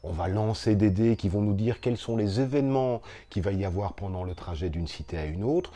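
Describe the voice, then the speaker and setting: Mellow low-voiced man explaining board games. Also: a little fast. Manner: enthusiastic, explanatory, playful. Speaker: board game reviewer co-host. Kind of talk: casual chat.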